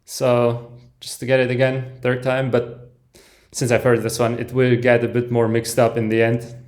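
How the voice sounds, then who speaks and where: Man giving excited live music commentary. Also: mid-range voice, moderate pace. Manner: enthusiastic, frequent soft "ooh"s and chuckles; breaks off and restarts sentences while listening. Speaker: music reaction host.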